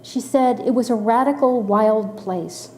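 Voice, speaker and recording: Slow, dark-voiced storytelling woman in her sixties. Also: a little high, slight background noise. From Los Angeles area, USA. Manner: slow, measured, dryly humorous telling. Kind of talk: personal storytelling performance.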